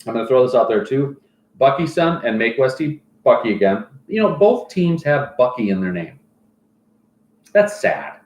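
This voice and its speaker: A man's voice: medium pitch, very animated, moderate pace, a little mellow. A man acting as a fantasy football league commissioner, reading stats and mock sponsor plugs in casual banter. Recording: roomy echoey room.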